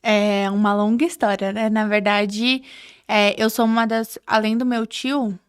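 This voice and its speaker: A woman's voice: mid-range voice, little pitch movement, a little slow, clear, resonant tone. A woman in her twenties with a Brazilian Portuguese accent, a podcast guest telling her story in a hesitant, chatty way with many fillers. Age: 20s. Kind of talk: casual interview chat. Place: podcast studio.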